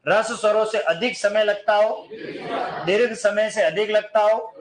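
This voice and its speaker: A man's voice: sits high, steady tone, unhurried, crowd noise, low-quality recording. A man teaching a grammar lesson, asking his class questions, answering them himself, and singing snatches of songs as examples. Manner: sings snatches of songs to show long vowels.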